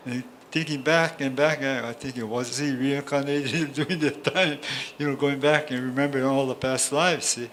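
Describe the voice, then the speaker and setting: A man from the audience asks a question in a class discussion, hesitant, with pauses and restarts. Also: medium pitch, fairly even intonation, a bit bright, a little hiss or hum. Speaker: audience member asking a question.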